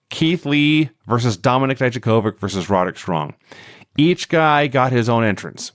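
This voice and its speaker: Lively sarcastic man recapping casually. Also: medium pitch, dry recording, clean studio sound. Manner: sarcastic, animated recapping with mock quotes. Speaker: podcast co-host. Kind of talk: casual wrestling recap chat.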